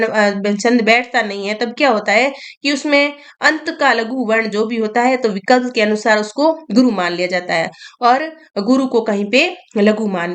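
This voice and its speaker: A woman with a voice on the high side teaches students a grammar lesson. She explains slowly, repeats key terms, and poses questions she then answers herself.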